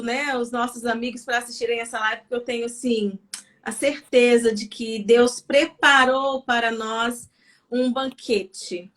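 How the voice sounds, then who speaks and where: A woman hosts a live online interview over a video call. Her voice sits a little high, and her delivery is effusive, full of faith-filled phrasing. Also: a bit bright. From Espírito Santo, Brazil. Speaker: host.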